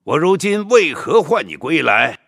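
An actor playing an elderly village patriarch who dotes on his sons, speaking slowly in a fatherly, pleading way. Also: on the high side, big pitch swings, gravelly, a bit bright, husky, no room sound, studio quality, exaggerated voice. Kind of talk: audio drama acting.

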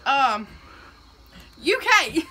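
A young adult woman hosting a snack-tasting vlog, excitable and reading labels aloud in casual chat. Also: high voice, drawn-out words. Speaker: vlog host. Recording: noisy home recording.

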